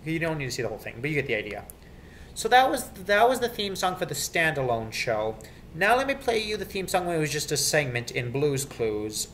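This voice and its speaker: A video creator rambles through a casual, off-the-cuff rant about children's TV theme songs, voicing strong opinions and often repeating himself. His voice is fairly high, very animated, a little fast and a bit bright. The amateur home recording has some background noise.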